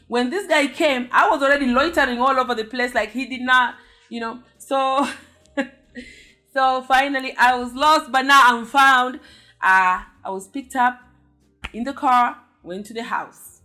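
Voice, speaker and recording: A Kenyan woman vlogger with a voice on the high side tells her viewers a story in a lively, chatty manner, full of exclamations.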